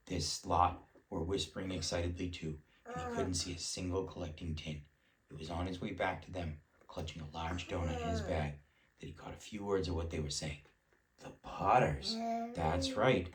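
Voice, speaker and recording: A dad reads a bedtime storybook aloud in a relaxed, unhurried way. His voice is low and deep. The sound is roomy, with the mic at a distance and faint noise behind him. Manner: relaxed, breaks off to chat with child. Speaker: parent reading a bedtime story.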